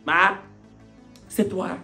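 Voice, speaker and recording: A man giving animated, teasing commentary, with dramatic shouted interjections. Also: high voice, extremely slow, vocal fry, over music. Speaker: online commentator.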